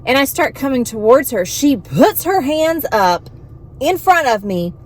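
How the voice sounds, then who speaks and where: A woman who works as a home health aide and vlogs tells an animated, exasperated story, venting casually. Her voice is high and her pace measured.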